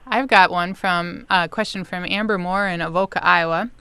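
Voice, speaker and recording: Brief: Minnesotan woman radio host reading a listener question, lowish, very smooth, dry. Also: steady tone, normal speed, sharp tone.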